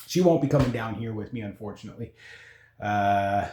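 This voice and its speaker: A man chatting casually and haltingly as he gives a rambling, informal house-tour vlog. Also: on the low side, warm tone, a little hiss or hum. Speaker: vlogger. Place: indoors in an old house room. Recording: echoey bare room.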